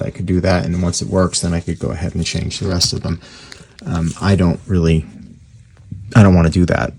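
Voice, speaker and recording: A radio repair hobbyist with a low, creaky voice and a breathy edge gives a casual, unscripted tutorial at the workbench. He explains things in a rambling, conversational, matter-of-fact way.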